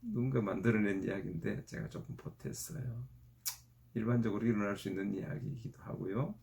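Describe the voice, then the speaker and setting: A male pastor preaching a sermon in an animated storytelling manner. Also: fairly low pitch, fairly quick, creaky.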